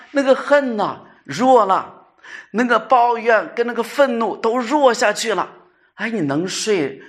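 A man preaching a sermon in an earnest way, his voice rising for emphasis and dropping to soft, low asides, with many small fillers.

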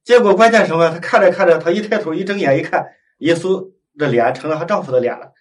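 A man preaches in a storytelling way, slipping into the voices of the people in his tale and often asking his listeners for agreement. His voice sits a little higher than most men's. He is heard from some distance from the microphone. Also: quick pace. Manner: animated, acts out dialogue, frequent tag questions. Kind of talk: storytelling sermon.

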